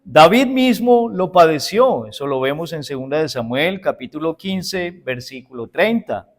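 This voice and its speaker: A Uruguayan man preaching at a deliberate, unhurried pace. He asks his congregation short rhetorical questions, then answers them himself in a raised, fairly high voice. He addresses them warmly as brothers and sisters. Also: expressive. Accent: Uruguayan Spanish. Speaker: pastor. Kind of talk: sermon.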